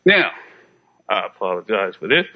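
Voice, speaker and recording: A man's voice: fairly low pitch, big pitch swings, moderate pace, highs cut off. A man preaching an informal sermon in a folksy, conversational way, often repeating phrases and chuckling.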